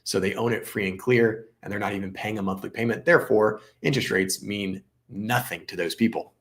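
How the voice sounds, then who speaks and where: A man's voice: lowish voice, fairly quick. Chatty, sarcastic male livestream host. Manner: chatty, sarcastic asides, frequent restarts. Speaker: realtor hosting a live stream. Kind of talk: casual live-stream commentary.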